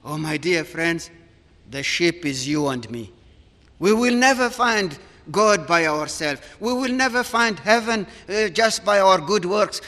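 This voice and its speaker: A man preaching a sermon, earnest and deliberate, repeating key words for emphasis. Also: high voice, sharp tone. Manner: earnest, repetitive emphasis, stressing single words. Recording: long reverb of a large hall.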